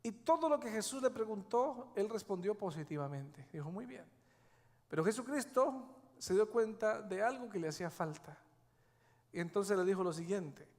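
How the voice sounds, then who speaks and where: Man, pastor, high voice, emphatic sermon, repeats phrases, long church reverb. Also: animated, normal speed, darkish tone. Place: church sanctuary.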